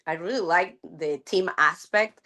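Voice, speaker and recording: Woman coach, lower voice. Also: measured pace, pushed and bright. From Argentina. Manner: thoughtful, many fillers and restarts. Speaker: college softball head coach. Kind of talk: casual interview chat.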